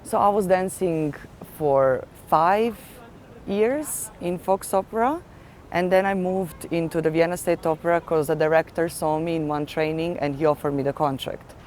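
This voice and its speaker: A woman's voice: sits low, normal speed, darkish tone, a little hiss or hum. A woman in her thirties from Serbia, speaking as a ballet dancer, telling her story in an earnest interview monologue and searching for words with fillers.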